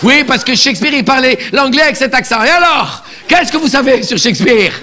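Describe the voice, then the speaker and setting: A man's voice: very high-pitched, lively intonation, brisk, bright, forceful tone, exaggerated voice. A man playing a chatty, bossy elderly grandmother on stage, repeating words and scolding the audience. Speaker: comic stage character. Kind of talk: live stand-up character comedy. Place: theatre stage.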